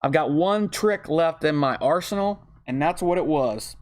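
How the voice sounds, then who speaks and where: A man at home giving casual, informal play-by-play commentary on a football video game. He breaks into loud yells on big plays. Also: fairly high pitch, lively intonation, measured pace. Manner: chatty and informal, with fillers and slang. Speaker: league host and game commentator. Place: at home, with family in the room above.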